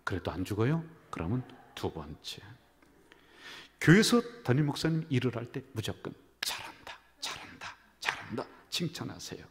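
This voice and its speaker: A man, the senior pastor, preaching a sermon full of jokes and stories, swinging from loud calls down to near whispers. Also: medium pitch, sing-song, moderate pace, vocal fry, slight background noise. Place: church sanctuary. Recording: church hall reverb.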